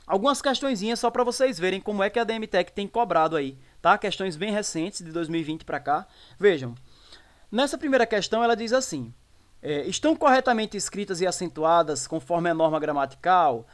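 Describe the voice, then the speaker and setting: A man with a Brazilian Portuguese accent teaching an exam-prep spelling lesson. He checks in often with the listeners and asks and answers his own questions. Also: on the high side. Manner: explanatory, repeats checks like "tá bom?".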